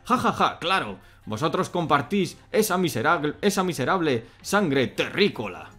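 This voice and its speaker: A man's voice: on the high side, big pitch swings, normal speed, pushed and bright, soft background music, voice pushed up, exaggerated voice. A man voicing an arrogant young male warrior of half-divine blood who sneers and boasts, reading a fan manga aloud. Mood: boastful.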